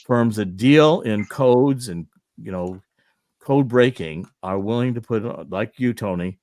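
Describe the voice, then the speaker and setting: A man appearing as a guest on a talk show, speaking in an earnest, insistent way with halting phrases. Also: lowish voice, lively intonation, a little mellow, no room sound.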